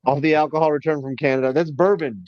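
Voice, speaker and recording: A man trading playful jokes on a casual talk show, with a slightly high voice. His dull, lo-fi mic sounds dry and close. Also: fairly even intonation, quick pace, no room sound. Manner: wisecracking, playful. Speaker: podcast co-host. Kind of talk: casual chat.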